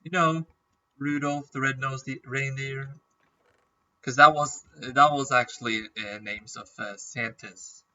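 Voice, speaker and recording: A man chatting casually through a game as a YouTuber, rambling and clearing his throat often with a nagging cough. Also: medium pitch, level tone, slow pace, bright, forceful tone, distant mic, muffled recording. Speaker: gaming YouTuber.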